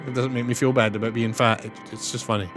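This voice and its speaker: A man's voice: mid-range voice, little pitch movement, quick pace. A young man streaming a game, chatting with his viewers and signing off turns with "over". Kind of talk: casual chat while gaming. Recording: game music loud behind.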